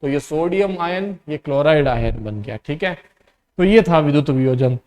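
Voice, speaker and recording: A man with a Rajasthani Hindi accent teaches a classroom lesson, dictating definitions slowly. He keeps firing questions at the students, calls them "beta" and answers his own questions. His voice sits somewhat high for a man. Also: lively intonation, a little mellow.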